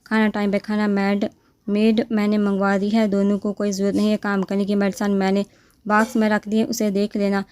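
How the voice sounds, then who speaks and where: A woman voicing a tender, doting young husband who speaks softly and affectionately. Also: medium pitch, completely flat delivery, clean tone, no echo, lightly acted.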